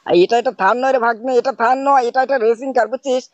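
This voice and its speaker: Fast scolding gaming host. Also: sits high, fairly even intonation, no echo, lo-fi sound. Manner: scolding, repeats "bujhchhis?". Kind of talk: playful commentary over gameplay, playing the uncle.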